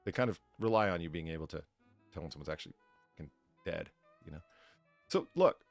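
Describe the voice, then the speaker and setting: A man's voice: low voice, lively intonation, fast, vocal fry, no room sound, faint music behind. A man hosting a casual livestream podcast, reading out donations and rambling profanely between topics.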